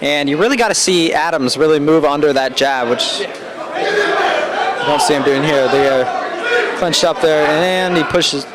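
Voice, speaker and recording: A man giving live play-by-play boxing commentary in measured, halting phrases. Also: a little high. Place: public boxing event venue. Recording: loud crowd noise at venue.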